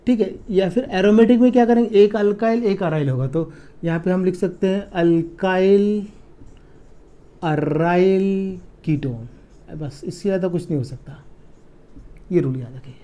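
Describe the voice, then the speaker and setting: A middle-aged man with an Indian accent teaching chemistry in a classroom lecture, mixing in English terms and slowly repeating key words as he writes them on the board. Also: sits high, mellow, muffled recording. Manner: explains patiently, repeats key terms slowly while writing.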